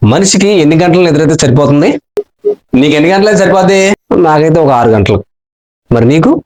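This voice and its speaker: A man trading quick jokes in a comic question-and-answer skit, teasing with punchline replies. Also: fairly high pitch, animated, darkish tone. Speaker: comedian.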